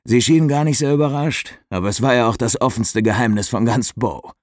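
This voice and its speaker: A man's voice: mid-range voice, fairly quick, darkish tone, no room sound, clean studio sound, pitched above the performer's own voice, lightly acted. A man voicing a brash young man in an audiobook, blunt and ribbing his friend and sister. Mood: celebrating.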